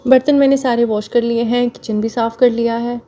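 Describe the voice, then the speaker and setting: A slightly hoarse woman, chatting homely and directly to viewers while narrating her chores. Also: a little high, steady tone, a little fast, warm tone, slight background noise. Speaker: home vlogger. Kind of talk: casual voice-over narrating chores.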